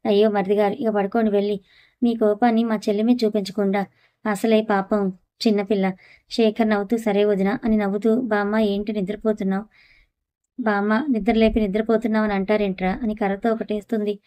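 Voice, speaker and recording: Female narrator for an audio story, voicing every role herself in an even, level read. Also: medium pitch, fairly quick, dry recording. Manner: reads dialogue and narration in one even voice.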